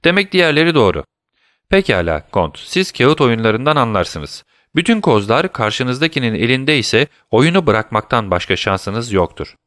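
Sherlock Holmes, alaycı ve soğukkanlı dedektif bir erkeğin sesiyle. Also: male voice, medium pitch, moderate pace, no echo, clean studio sound. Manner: calm, teasing, commanding. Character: cool, mocking male detective, middle-aged. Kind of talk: audiobook character voice.

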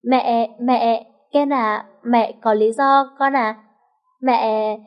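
A woman's voice: a little high, a little fast, lo-fi sound, close to an everyday voice. A woman voicing a scheming estranged mother who pleads and threatens. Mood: pleading. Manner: pleading, then sly and threatening.

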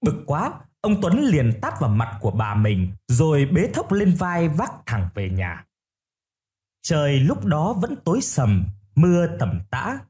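A man narrating a first-person ghost story in a steady storytelling manner. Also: fairly high pitch, measured pace.

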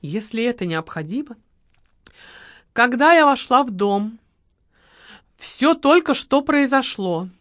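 A woman's voice: on the high side, animated, slow pace, pauses often, fairly bright tone, no echo, studio quality, voice pushed up. A woman voicing a theatrical, self-pitying widow who pleads and sighs melodramatically. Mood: dramatic pleading.

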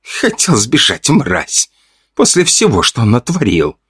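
A man's voice: medium pitch, wildly swooping pitch, unhurried, fairly bright tone, breathy edge, dry recording, studio quality, voice pushed up, full character voice. A man voicing an angry, proud female elf goddess in an audiobook, snarling commands.

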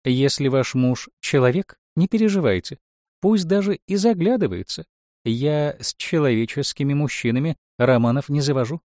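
A man voicing a tearful young mermaid who whines and pleads, raising his voice high. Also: normal speed, a little mellow, dry recording, studio quality, close to an everyday voice. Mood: pleading. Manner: whiny, pleading.

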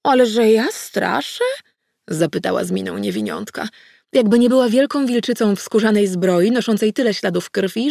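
A woman narrating a first-person audiobook in an even, wry storytelling manner. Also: medium pitch, gravelly, no echo, studio quality.

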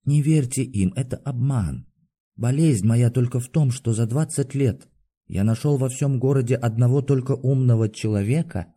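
A man reading an audiobook voices a distraught aging doctor who yells shrilly and sinks into bitter despair. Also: mid-range voice, close to an everyday voice. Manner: shouting shrilly, then bitter and resigned.

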